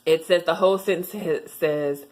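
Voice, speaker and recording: This is a casual vlog tutorial where a young woman with a low voice offers language tips to camera. She rambles chattily, pausing with ums and starting sentences over.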